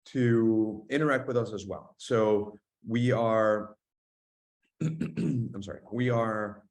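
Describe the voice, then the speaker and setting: Man, low voice, webinar host on a video call, halting, lots of ums and restarts. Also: gravelly, darkish tone. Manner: hesitant, many fillers and restarts. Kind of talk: webinar hosting. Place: office.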